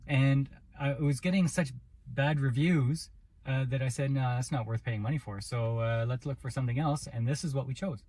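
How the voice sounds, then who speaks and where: A man's voice: mid-range voice, normal speed, a little mellow. A man co-hosting a casual movie review chat, telling the story in a loose, rambling way. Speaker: podcast co-host.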